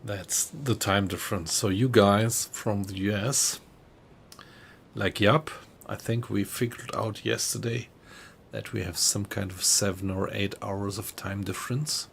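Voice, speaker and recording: Deep gravelly german guy streaming a game, slow and easygoing. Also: slight background noise. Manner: relaxed, chatty, greets viewers in chat. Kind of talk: casual live-stream commentary.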